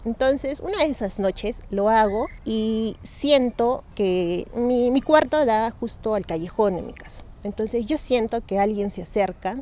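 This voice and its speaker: A woman calmly recounting a personal paranormal story. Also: on the high side, measured pace, few pauses. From Peru. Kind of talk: casual spoken storytelling.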